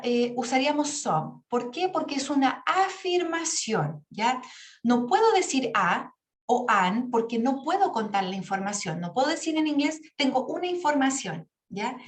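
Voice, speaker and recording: A woman teacher walks her students through grammar, patient and methodical, checking often that they follow. Her voice sits a little high and carries a noticeable room echo. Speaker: English teacher. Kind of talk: online class explanation.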